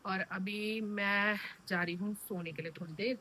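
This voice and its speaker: Young woman vlogger, tired and chatty, bright voice, filming on her phone at home. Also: mid-range voice, fairly even intonation, unhurried, slight background noise. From Uttarakhand hills. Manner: chatty, addresses viewers as friends. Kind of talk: casual vlog chat. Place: home, then outdoors in Delhi traffic.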